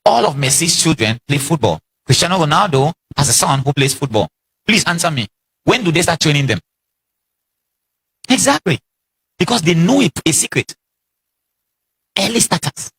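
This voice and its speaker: A man's voice: fairly high pitch, very animated, normal speed, gravelly, pauses often, a bit bright, husky. A man giving a motivational seminar talk, exhorting the audience with repeated lines and questions. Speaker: seminar speaker.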